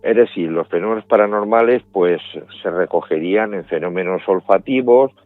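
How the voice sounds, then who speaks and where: A middle-aged man with a Spanish accent, a paranormal investigator answering interview questions in a measured, explanatory way. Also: sits low, no echo. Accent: Spanish from Spain. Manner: measured, explains step by step with restarts. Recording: dry, phone-like remote line.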